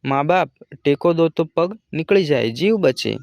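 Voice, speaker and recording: A man voicing a desperate poor water-carrier who cries out loudly, pleading for help to save his trapped buffalo. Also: a little high, lively intonation, measured pace, gravelly, no room sound, lo-fi sound, voice pushed up. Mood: frantic pleading. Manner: frantic, loud pleading cries.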